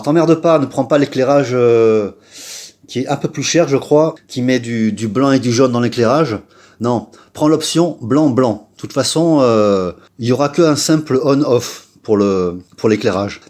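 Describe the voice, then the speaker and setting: A French man with a mid-range, slightly dark voice runs a scooter repair vlog, giving a laid-back how-to tutorial. He's chatty, blunt and full of slang, addressing the viewer directly and peppering his talk with filler tags.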